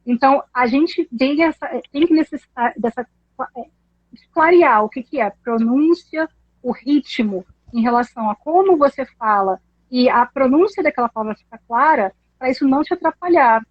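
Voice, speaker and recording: A woman, an English teacher explaining pronunciation in a casual chat, animated and laughing often. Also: high-pitched, moderate pace, slightly rough, no echo, muffled recording.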